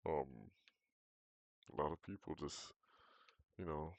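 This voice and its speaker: Teen boy with a very low, gravelly voice, loose rambling gamer chat, dry close sound. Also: steady tone, takes it slowly, no echo. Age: teens. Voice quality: very deep voice. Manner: rambling, hesitant, self-correcting. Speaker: gaming vlogger. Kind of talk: casual chat while gaming.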